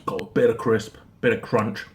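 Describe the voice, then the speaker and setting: A man giving a casual snack review in a halting, rambling way, often repeating himself. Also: lowish voice, steady tone. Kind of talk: casual product review chat. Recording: noticeable background noise.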